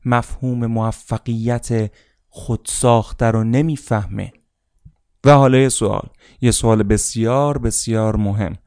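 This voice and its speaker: A man giving a motivational seminar speech, emphatic and repetitive, often calling on listeners to repeat after him out loud. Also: mid-range voice, smooth, dry recording, clean studio sound. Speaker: motivational speaker.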